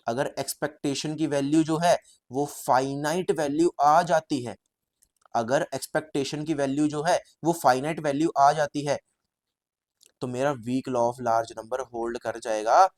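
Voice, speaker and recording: A man voicing a brash male mathematician who interrupts an argument, a little lower and quieter than his own teaching voice, bossy and insistent. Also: steady tone, measured pace, no echo, close to an everyday voice.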